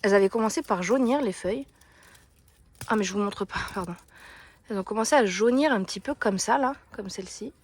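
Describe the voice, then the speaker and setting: A woman's voice: mid-range voice, fairly quick, slightly rough. A woman chatting casually to her handheld camera at home and in her garden. She rambles, laughs often and pokes fun at herself. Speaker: lifestyle vlogger. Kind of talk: casual vlog chat to camera.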